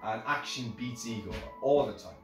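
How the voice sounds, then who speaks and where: In a hard-surfaced indoor workshop, a middle-aged man from Ireland who makes musical instruments speaks to a camera a few metres away, sharing lessons he's learnt in a casual, rambling motivational way and repeating phrases for emphasis. He has a mid-range voice and a moderate pace. The room is very echoey, with music behind him.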